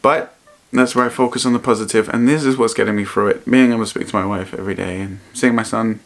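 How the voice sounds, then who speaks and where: A man vlogging in a reflective, personal way, speaking earnestly and haltingly and often repeating his phrases. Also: lowish voice, steady tone, fairly bright tone. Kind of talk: personal vlog to camera, reflective talk.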